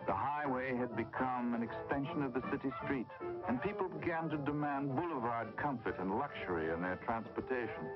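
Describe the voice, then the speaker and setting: A man's voice: medium pitch, expressive, a little fast. A man narrating a 1950s industrial newsreel in a formal announcer style, heard as an old newsreel soundtrack. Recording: dull old newsreel audio over loud music.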